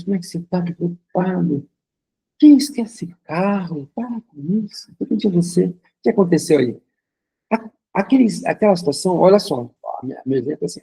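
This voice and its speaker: Gravelly-voiced man teaching a class. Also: a little high, warm tone, low-quality recording. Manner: conversational, uses vivid hypothetical examples; frequent checking fillers. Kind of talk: recorded lecture.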